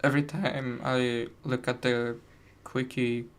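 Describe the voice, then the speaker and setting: A man's voice: medium pitch, little pitch movement, takes it slowly, clear, resonant tone. A man co-hosting a podcast from home, talking casually over a voice call in a laid-back way, swearing and restarting his sentences. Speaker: podcast co-host.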